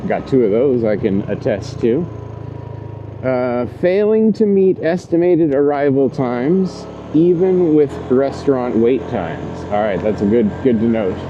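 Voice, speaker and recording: A delivery rider who hosts his own video channel chats casually to viewers while riding a scooter outdoors, rambling and thinking aloud as he works. His medium-pitched voice is animated and unhurried, in dull audio with loud road noise.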